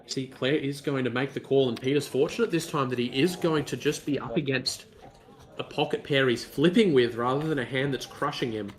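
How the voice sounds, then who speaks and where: A man's voice: medium pitch, a little fast. A man giving conversational poker commentary, analysing play as he goes with casual exclamations.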